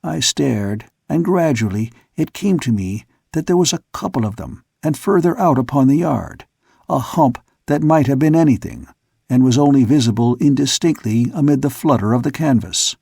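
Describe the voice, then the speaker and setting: A male audiobook narrator telling the story at a steady, measured pace. His voice is gravelly and husky, set in a dry recording with no room echo. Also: medium pitch. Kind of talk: scripted narration.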